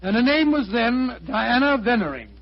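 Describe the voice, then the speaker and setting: An actor playing a genial, bumbling elderly British doctor telling stories with avuncular bluster in a 1940s radio drama. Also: male voice, very high voice, sing-song, moderate pace, no room sound, heavily acted. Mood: fond reminiscing. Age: older. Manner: blustery, hesitant, avuncular storytelling. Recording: dull vintage 1940s radio recording.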